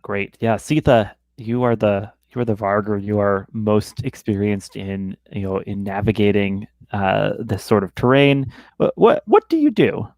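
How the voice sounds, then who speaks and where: Low-voiced, halting man running a game. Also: fairly even intonation, a little mellow, dry recording. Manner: halting, repeats words. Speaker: game master. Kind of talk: narrating a tabletop role-playing game.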